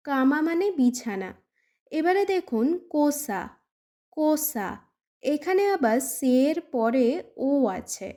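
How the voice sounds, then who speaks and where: A woman's voice: high voice, mellow. A woman teaching a pronunciation lesson in Bengali, patiently saying each example word twice. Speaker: language teacher. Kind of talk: slow scripted pronunciation lesson.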